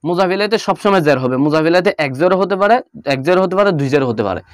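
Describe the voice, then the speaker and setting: Man teaching grammar slowly. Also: high voice, lively intonation, no echo. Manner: repeats examples slowly, with fillers. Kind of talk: explaining on-screen notes in a lesson.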